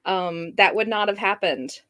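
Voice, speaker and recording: A woman's voice: medium pitch, measured pace, sharp tone. A woman co-hosting a podcast in casual, chatty conversation. She laughs often and speaks over a streamed video call. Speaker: podcast co-host.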